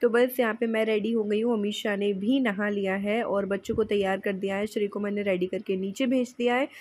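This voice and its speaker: A woman's voice: medium pitch, fairly even intonation, fairly quick, darkish tone, slight background noise. A woman in her thirties narrating her vlog in a chatty, heartfelt voice-over. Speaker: vlogger. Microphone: voice-over mic.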